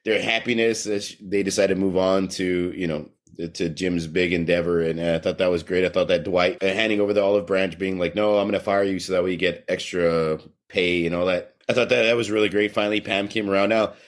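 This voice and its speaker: A man's voice: low-pitched, level tone, brisk, few pauses. A young man co-hosting a podcast, talking casually and rambling, repeating words as he goes. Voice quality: gravelly, swearing freely. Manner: rambling, repeats words, laughs at recalled jokes. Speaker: podcast co-host. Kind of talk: casual chat.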